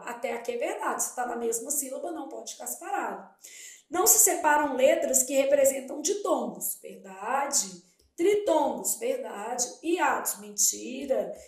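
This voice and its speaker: A woman's voice: high-pitched, a little mellow. A woman teaching a Portuguese exam-prep lesson, posing questions and answering them herself. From Brazil. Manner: explanatory, asks and answers her own questions. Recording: echoey room.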